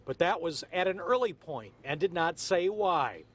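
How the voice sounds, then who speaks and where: High-voiced American male TV reporter. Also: expressive, normal speed, fairly bright tone. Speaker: TV news field reporter. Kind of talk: live news report. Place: outdoors downtown, live shot. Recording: faint outdoor street noise.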